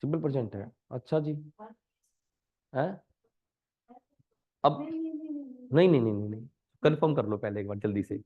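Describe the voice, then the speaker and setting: एक पुरुष शिक्षक ऑनलाइन व्याकरण कक्षा पढ़ा रहे हैं, बीच बीच में अंग्रेज़ी शब्द बोलते हुए और छात्रों से बार बार सवाल पूछते हुए।. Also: male voice, medium pitch, sing-song, unhurried, long pauses. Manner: coaxing students with repeated questions; mixes Hindi with English terms. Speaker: grammar teacher. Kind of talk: live online grammar lesson. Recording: dull lo-fi sound.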